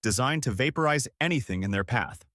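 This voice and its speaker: Lively male story narrator. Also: medium pitch, brisk, dry recording, studio quality. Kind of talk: scripted sci-fi story narration.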